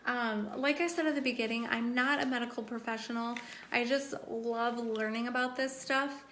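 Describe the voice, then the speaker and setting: A woman's voice: a little high, steady tone, normal speed, a bit bright, a little hiss or hum. A woman hosting a casual live stream Q&A, chatty and enthusiastic with lots of fillers, her voice starting to give out. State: losing her voice. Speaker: live stream host promoting a wellness drink.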